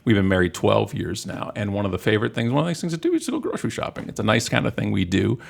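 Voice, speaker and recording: Brief: fifty-something male podcast host, gravelly, animated storyteller. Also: fairly low pitch, very fast. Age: 50s. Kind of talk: casual chat.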